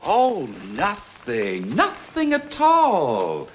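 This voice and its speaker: A man's voice: lowish voice, huge pitch swings, a little fast, bright, forceful tone, highs cut off, a little hiss or hum, full character voice. An actor playing a sardonic, jealous man who has groomed a young woman for film stardom. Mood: bitter. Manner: sarcastic, wry.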